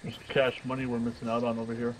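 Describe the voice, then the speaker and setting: A man's voice: mid-range voice, monotone, fast, a little hiss or hum, low-quality recording. A man chatting casually while playing a heist game with a friend, often sounding exasperated and teasing. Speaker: gamer streaming. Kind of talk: casual gameplay chat.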